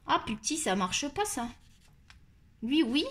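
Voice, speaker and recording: A woman's voice: sits high, big pitch swings, a little slow. A woman with a Marseille accent chatting and rambling as she tests coloring pencils on camera, mocking herself along the way. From France. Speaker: coloring channel host. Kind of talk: casual chat while testing art supplies.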